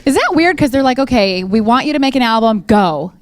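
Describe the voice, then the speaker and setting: A woman's voice: fairly high pitch, expressive, a little fast, no echo. A woman radio host chatting enthusiastically with a guest. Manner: enthusiastic, encouraging. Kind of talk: casual interview chat.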